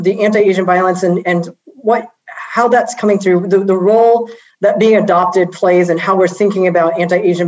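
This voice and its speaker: A woman moderating a panel, speaking gently and haltingly with many "um"s. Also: lowish voice. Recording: slightly dull video-call audio.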